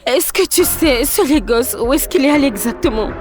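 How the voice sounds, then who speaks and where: Desperate young woman, high, crying and begging, film dub. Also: expressive, moderate pace, over music. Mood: pleading. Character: young woman, desperate and abandoned, searching frantically.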